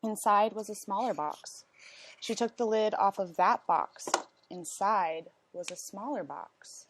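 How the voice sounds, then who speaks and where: A woman reading a storybook aloud as narration, with expressive, deliberate phrasing and questions to her listeners. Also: mid-range voice, background noise. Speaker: storyteller reading a picture book.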